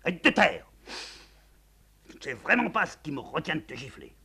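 A man voicing a gruff, exasperated old general who barks orders in a play reading. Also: fairly high pitch, big pitch swings, moderate pace, sharp tone, pitched above the performer's own voice, exaggerated voice. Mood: angry. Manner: barking, irritable.

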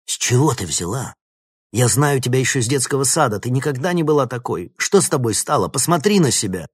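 A man's voice: medium pitch, animated, a little fast, husky, no echo, clean studio sound, voice pushed up. A male narrator voicing an earnest teenage boy hero who pleads in a firm, urgent way.

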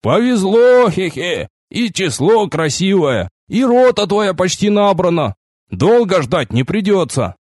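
A man's voice: high voice, very animated, measured pace, darkish tone, no room sound, studio quality, pitched above the performer's own voice, full character voice. A man voicing a wiry, fussy male army quartermaster who chatters eagerly, in a storybook reading. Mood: chatty.

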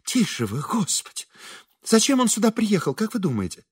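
A man voicing an anxious, sentimental middle-aged woman fortune-teller who pleads in a hushed, breathy way. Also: sits high, wildly swooping pitch, moderate pace, no echo, studio quality, pitched above the performer's own voice, heavily acted. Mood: anxious pleading.

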